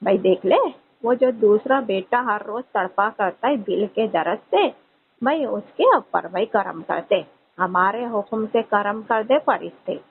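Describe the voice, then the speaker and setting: Casting: man doing a slow, gentle revered saint in a devotional tale, lo-fi phone sound. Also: sits high, animated, creaky, slight background noise, heavily acted. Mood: kindly. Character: gentle revered male saint giving a kind command.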